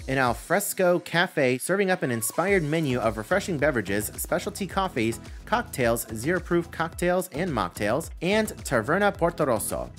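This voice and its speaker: A channel host reading a news breakdown over slides, listing items with rising emphasis. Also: mid-range voice. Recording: faint background music.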